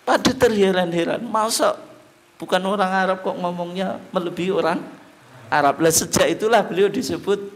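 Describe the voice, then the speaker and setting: A man gives a religious lecture in a fairly high voice. He keeps asking his audience questions and then answers them himself. He calls the men listening "sir" as he goes. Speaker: religious teacher.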